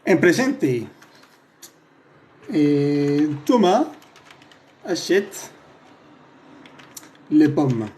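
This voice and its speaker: A man with a fairly high, mellow voice teaches French in a live online class. He talks patiently, keeps checking that everyone is following, and corrects his students one by one by name. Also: big pitch swings, extremely slow, long pauses. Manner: patient, repeats and checks with "¿listo?"; addresses students by name, corrects their answers.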